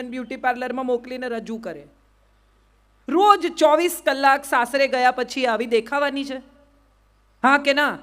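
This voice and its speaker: Brief: middle-aged Gujarati woman, high voice, motivational speaker, quizzes the crowd. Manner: asks the crowd rhetorical questions, repeats "yes or no". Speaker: public speaker. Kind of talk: motivational speech to a live audience.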